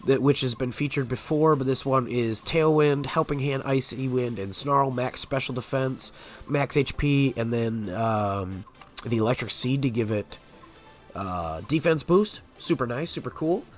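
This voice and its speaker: A man's voice: medium pitch, measured pace. A man with a stuffed-up nose from a cold, chatting casually as host of a competitive game video, with lots of filler words. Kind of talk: casual gameplay commentary.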